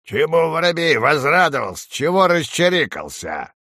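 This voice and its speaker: A man voicing a nagging old female crow with a hoarse, unpleasant voice, scolding slowly. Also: fairly high pitch, sing-song, sharp tone, no echo, studio quality, voice pushed up, exaggerated voice. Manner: slow, scolding.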